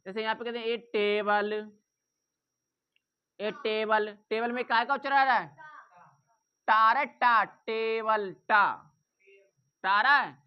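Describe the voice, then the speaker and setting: Woman grammar teacher, somewhat high voice, drills points by repeating them and quizzing the class; muffled lo-fi recording. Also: steady tone, slow pace, pauses often, smooth. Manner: repeats points and asks rhetorical questions. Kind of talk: classroom-style lesson explained in Hindi. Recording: dull lo-fi recording.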